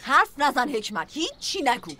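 A woman's voice: high voice, sing-song, bright, forceful tone, full character voice. An actress dubbing an outspoken young woman who scolds a teenager for marrying. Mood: indignant. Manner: indignant, scolding. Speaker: family friend. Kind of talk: Persian TV drama dubbing.

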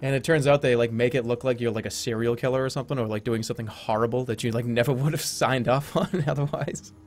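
A man streaming gameplay commentary, excitable, with swearing outbursts and frequent laughter. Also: medium pitch, quick pace.

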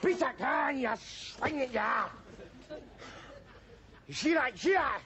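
A man's voice: extremely high pitch, lively intonation, unhurried, full character voice. An actor playing a belligerent, mouthy middle-aged working-class man from Glasgow, with a strong Glaswegian Scottish accent, ranting sarcastically in a TV sitcom. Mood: scornful. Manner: ranting, sarcastic, bursts of jeering shouts. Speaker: sitcom lead character. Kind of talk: television sitcom acting.

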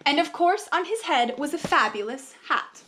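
A young woman with a high voice reads a children's picture book aloud at home, drawing out her words in an expressive, sing-song style like a preschool teacher. A camera mic captures it, with slight background noise.

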